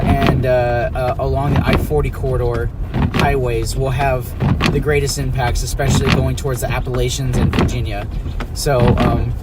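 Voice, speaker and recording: A livestream host chatting casually and haltingly while driving, often repeating thanks to viewers. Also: mid-range voice. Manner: halting, repetitive, appreciative of viewers. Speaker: livestream storm chaser and host. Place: inside a moving car on icy roads. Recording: distant mic, loud car and wiper noise. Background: vehicle noise, clunky windshield wipers.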